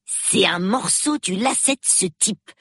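A woman reading an audiobook, voicing a cheeky, excited young boy who chatters quickly and eagerly. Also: medium pitch, breathy edge, dry recording, clean studio sound, voice pushed up, full character voice.

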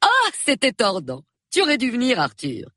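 Brisk, sharp-eyed wife played by a man reader, high and animated, slightly breathy, dry booth sound. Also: no echo, exaggerated voice. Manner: bright, pointed, high-pitched. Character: lively middle-aged woman, brisk and sharp-eyed. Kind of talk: audiobook character voice.

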